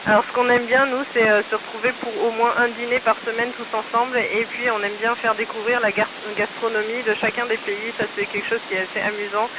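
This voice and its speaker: A man's voice: extremely high pitch, level tone, fast, hardly any pauses. A man, an astronaut, patiently answering school questions over a noisy, narrow ham radio downlink from space and closing each turn with radio protocol. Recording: hissy phone-thin amateur radio link.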